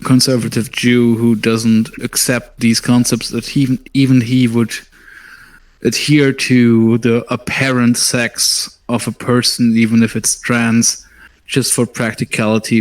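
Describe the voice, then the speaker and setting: A man explaining his point in a halting way during a casual group discussion. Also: medium pitch, low-quality recording.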